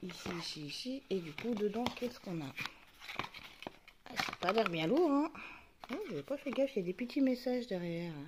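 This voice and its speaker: Chatty woman with a lively voice. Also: medium pitch, normal speed, long pauses, background noise. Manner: chatty, talks to the camera focus, muttering asides. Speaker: YouTuber unboxing advent calendars. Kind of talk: casual chat.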